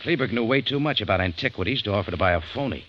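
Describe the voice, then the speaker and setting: In a dull old radio recording with a little hiss or hum, a man with a fairly low, natural voice talks very fast with lively intonation. He is acting as a tough, wry cafe-running hero who tells his own story in hard-boiled, laconic 1940s style.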